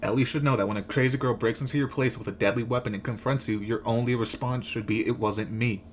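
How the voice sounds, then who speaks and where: A man's voice: medium pitch, fairly even intonation, fast talker, noisy background. A man delivering a scripted comedic rant as host, with sarcastic, crude, slangy jokes. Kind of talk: comedic rant recap of a video game, scripted narration.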